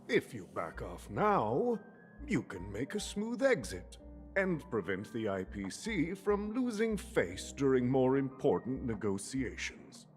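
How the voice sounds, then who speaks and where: A man voicing a shrewd, chuckling very old tycoon in a video game, with a theatrical, deliberate old man's delivery. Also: medium pitch, wildly swooping pitch. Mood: veiled threat. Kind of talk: video game story acting. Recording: long reverb, music behind.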